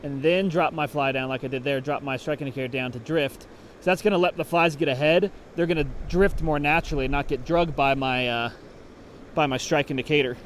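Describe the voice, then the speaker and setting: A man's voice: fairly high pitch, fairly quick, slight background noise. A man explaining fly fishing technique while fishing outdoors, talking casually and thinking aloud. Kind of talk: on-the-water instruction. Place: outdoors at a creek.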